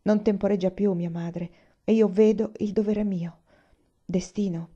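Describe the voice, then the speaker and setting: Storybook voice: a dutiful young bride writing her goodbye, read by a woman, warm and dull-toned. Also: medium pitch, steady tone, measured pace, natural voice. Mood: resigned. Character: young Japanese woman writing a farewell letter. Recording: dull lo-fi sound.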